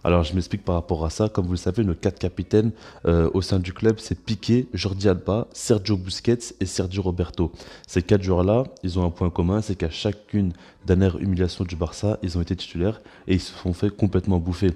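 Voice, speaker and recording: A man's voice: deep voice, steady tone, a little fast, dark tone, slightly rough. A man with a congested, blocked-nose sound gives informal, opinionated football commentary as a channel host, repeating words for emphasis.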